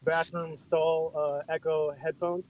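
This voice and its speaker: A man with a somewhat high voice talks in a loose, easygoing way and swears now and then. He is driving, and his voice comes through a muffled, dull Bluetooth headset mic. The sound is lo-fi and muffled, as if he were underwater. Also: level tone, slow pace, darkish tone. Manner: laid-back, loose, swears casually. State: driving in the rain. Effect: muffled car Bluetooth headset mic. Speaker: project founder on a live audio chat. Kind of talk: casual chat. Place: inside a car in the rain. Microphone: Bluetooth headset in a car.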